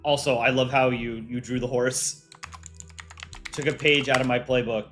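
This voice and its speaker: Hosting an art contest on a livestream, a man reads viewer chat aloud and answers it offhandedly in casual conversation. His voice is medium-pitched, steady, a bit bright, and moderately paced, with soft music playing behind him.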